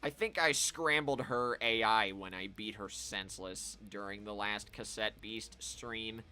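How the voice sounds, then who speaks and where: A man giving live commentary while playing a video game, chatty and self-amused, reacting out loud as he plays. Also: fairly low pitch, measured pace, clear, resonant tone, faint music behind. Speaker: game streamer.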